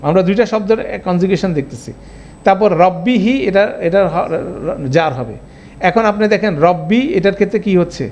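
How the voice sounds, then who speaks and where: Man teaching grammar, high-pitched, repeats forms and checks understanding. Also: fairly quick, a little mellow, slight background noise. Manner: explains step by step, repeats forms, asks checking questions. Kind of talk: online class lecture.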